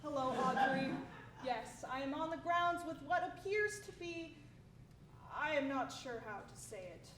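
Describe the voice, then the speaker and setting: A woman's voice: high voice, animated, a little slow, a bit bright. A woman playing a dry, pedantic news field reporter in a comedy sketch. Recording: roomy, distant, noisy.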